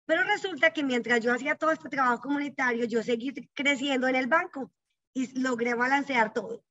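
As an interview guest, a middle-aged psychologist turned bank executive talks briskly through her life story, earnest and reflective, with frequent short tag questions. Her voice is high, bright and crisp, and the dry, slightly dull lo-fi recording has no echo.

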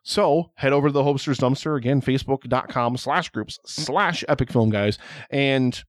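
A man's voice: medium pitch, moderate pace, no room sound, studio quality. A man hosting a podcast in casual chat, rambling, joking and swearing as he talks about films. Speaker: podcast host.

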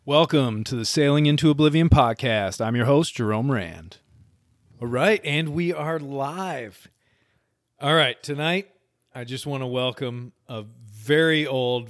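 A podcast host in his forties leads a casual conversational interview in a medium-pitched voice. He's earnest and a bit rambling, restarting sentences often and laughing easily. The recording is dry and close, with no room sound.

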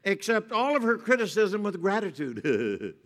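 A man preaching a sermon at a pulpit microphone, his voice bright and edged, pitched a little high for a man. He jokes with the congregation, then drops into a quieter, reflective tone. The sound rings out with the long reverb of a church hall. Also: sing-song, a little slow. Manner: joking, then softer and reflective. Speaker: pastor. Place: church sanctuary.

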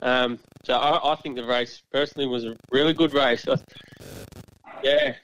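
A man's voice: mid-range voice, very animated, normal speed, gravelly, a bit bright, muffled recording. An Australian man chatting casually as an interview guest, talking like a laid-back, matey everyday bloke. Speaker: pigeon racer interviewed as guest. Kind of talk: casual chat.

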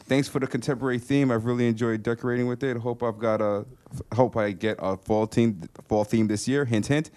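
A man co-hosting a casual show, chatting and reading aloud in a halting way with repeated words. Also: medium pitch, steady tone, a little mellow. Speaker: co-host of a game developer show.

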